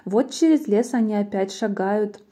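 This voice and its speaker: Husky-voiced woman reading a rhyming tale. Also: mid-range voice, normal speed. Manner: lively, rhythmic rhyming narration. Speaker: storybook reader. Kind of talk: storybook reading in verse.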